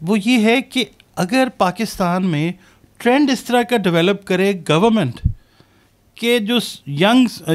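A man with a Pakistani accent, an astrologer and business professor giving measured, explanatory interview answers sprinkled with English terms. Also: high voice.

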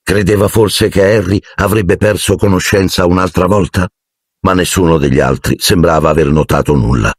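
A man narrating an audiobook dramatically, with an animated delivery and voicing each character. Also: sits low, normal speed, slightly rough, no echo, clean studio sound.

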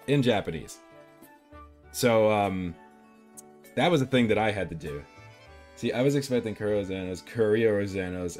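A man streaming live as a VTuber, chatting casually in a playful, rambling way and swearing freely. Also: lowish voice.

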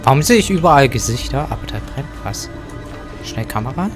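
A man commenting casually on a horror game as he plays it, joking to himself, dropping to whispers at tense moments and breaking into loud outbursts. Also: mid-range voice, very animated, a little fast. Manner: joking running self-talk, sudden loud outbursts. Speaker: let's play gamer. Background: faint game music.

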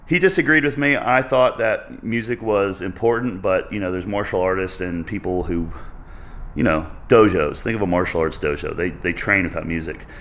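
A man in his thirties vlogs about fitness, chatting casually to camera in a goofy, excitable way and swinging between loud bursts and quiet asides. He is in a home gym, and the room sounds echoey.

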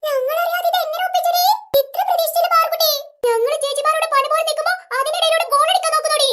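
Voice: very high-pitched, fairly even intonation, rapid-fire, bright, forceful tone. A performer voicing a teasing older sister in a comic family skit. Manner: mocking, teasing.

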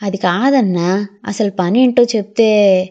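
A woman voicing a poor, worried middle-aged village father who pleads timidly and slowly. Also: high-pitched, a little mellow. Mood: timid pleading. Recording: muffled lo-fi, faint music.

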